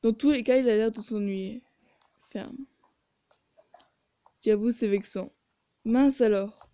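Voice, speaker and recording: A woman's voice: on the high side, moderate pace, mellow, dry recording. A woman reading a story game aloud and adding sarcastic asides. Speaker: video game player.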